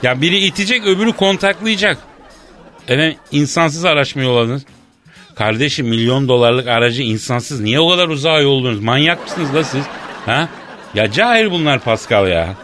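A man hosting a radio comedy show, bantering loudly and staging a mock phone call in a teasing, mock-indignant way. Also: medium pitch, lively intonation, normal speed, soft background music, a faint crowd.

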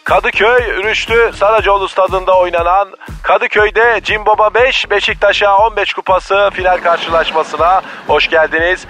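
A man voicing an excitable, bumbling football commentator in a declamatory parody of sports commentary. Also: high-pitched, moderate pace, faint music behind. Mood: grand announcing.

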